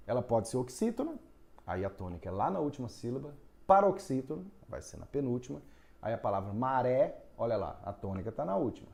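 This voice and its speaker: Guy teaching phonetics, gravelly mellow voice, asks himself questions and answers them. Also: medium pitch. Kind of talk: recorded grammar lesson.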